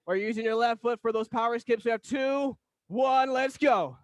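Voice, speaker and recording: A man coaching a fitness class as an energetic, motivational aerobics instructor, calling out exercise cues and countdowns. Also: very high voice, moderate pace, no echo.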